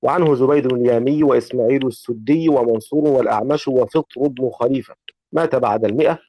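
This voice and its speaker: A man, reciting a classical text in a lesson in a measured way and asking polite questions. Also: mid-range voice, dark tone, poor audio. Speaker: student reading the text aloud.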